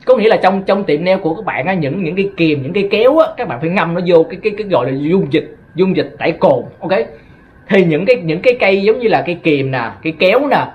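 A man's voice: sits high, lively intonation, fast talker, muffled recording. A man from Vietnam with a Southern Vietnamese accent, rambling through a casual monologue to his viewers, often stumbling and repeating words. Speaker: vlogger.

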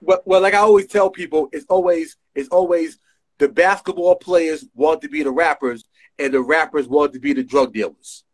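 At a moderate pace and a slightly high pitch, a middle-aged designer from New Jersey talks with a New York area accent. He's a guest on a casual video call interview, speaking into his phone's front camera in a small indoor room, heavy on street slang and emphatic repetition.

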